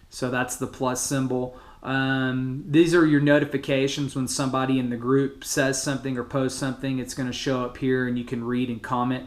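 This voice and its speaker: A man giving an informal motivational message as a fitness group coach, casual, plain-spoken and encouraging. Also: mid-range voice. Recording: roomy, echoing sound.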